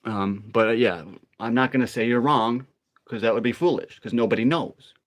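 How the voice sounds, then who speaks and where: A man's voice: mid-range voice, moderate pace. A middle-aged man hosting a live workout, talking casually and in a rambling, conversational way to his viewers. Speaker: livestream workout host. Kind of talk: casual livestream chat during a workout.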